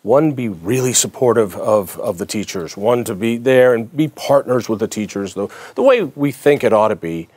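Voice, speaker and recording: Earnest low-voiced male host. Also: lively intonation, normal speed, few pauses, a little mellow, husky, no echo. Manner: earnest, personal, with repeated restarts. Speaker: interview host. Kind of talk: interview conversation.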